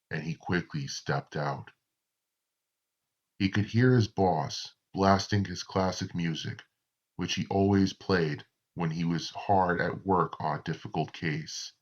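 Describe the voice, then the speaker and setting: A man narrating a horror story in a slow, deliberate storytelling manner. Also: sits low, muffled recording.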